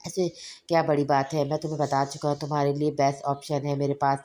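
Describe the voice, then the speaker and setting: Low flat voice doing a grumpy young hero guy, read by a woman, short and dismissive. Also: fast, lightly acted. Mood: irritated. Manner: gruff, dismissive. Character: curt, irritated young man, hero. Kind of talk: novel read aloud.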